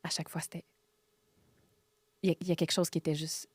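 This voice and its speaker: A woman with a Quebec French accent, a guest on a podcast, telling her own experiences in animated casual talk and acting out what she thought and said. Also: sits low, fast talker, husky, no room sound, clean studio sound. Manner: animated, acts out her own quoted thoughts, drops to near-whispers. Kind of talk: casual storytelling interview.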